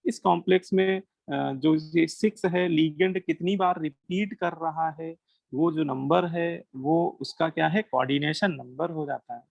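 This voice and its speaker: An Indian man lectures a chemistry class in a high-pitched voice with a gravelly edge. He fires questions at his students and answers them himself, moving between Hindi and English. The sound is dry, with almost no room echo. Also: fairly even intonation, measured pace, muffled recording. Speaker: chemistry teacher.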